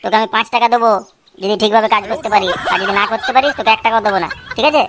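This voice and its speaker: A woman's voice: a little high, racing, noisy background, close to an everyday voice. A woman voicing a bossy, scheming adult man in a cartoon, lecturing a boy with constant checks.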